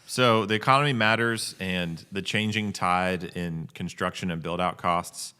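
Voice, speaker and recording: Low-voiced man musing on business. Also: steady tone, bright, forceful tone, smooth. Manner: reflective, measured, repeats key phrases. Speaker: coffee company co-owner, podcast host. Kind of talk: casual business podcast chat.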